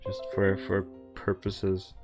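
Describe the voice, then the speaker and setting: In a slow, low-pitched monotone, a man plays a visual novel on stream, reading its text and offering wry, casual asides between lines. The game's music plays in the background.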